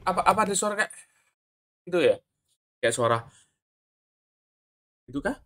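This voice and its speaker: A man's voice: sits high, lively intonation, moderate pace, noisy background. A man with an Indonesian accent giving casual reaction commentary, exclaiming and putting questions to his viewers. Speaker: reaction video host.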